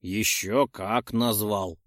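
A man reading aloud and voicing a greedy, sly male troll who haggles in a slow, bargaining manner. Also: fairly low pitch, fairly even intonation, a bit bright, dry recording, clean studio sound, pitched below the performer's own voice. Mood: sly, haggling.

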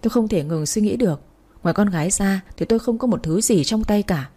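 A woman's voice: mid-range voice, a little fast, mellow, slightly rough. Woman narrating a sad story in first person. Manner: sorrowful, reflective.

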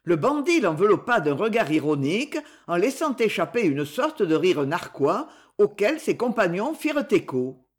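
A woman narrates an old adventure novel as an audiobook. Her pitch moves a great deal, giving the reading a lively, expressive lilt. She acts out the story as she goes. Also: moderate pace, breathy edge. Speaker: audiobook reader. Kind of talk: scripted narration.

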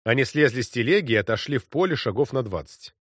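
A man reading a literary story as an audiobook, in an expressive narrating voice. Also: medium pitch, fast talker, no echo, clean studio sound.

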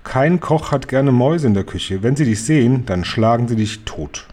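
A man's voice: mid-range voice, expressive, normal speed, a little mellow, natural voice. A man reading a loving old grandmother. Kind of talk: audiobook reading.

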